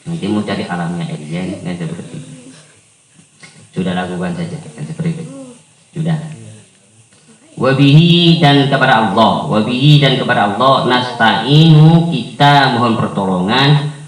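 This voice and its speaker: A man teaching an Islamic book study in a conversational way, often tagging questions and jumping his voice high for emphasis. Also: moderate pace, long pauses. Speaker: religious teacher. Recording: echoey room, mic far off.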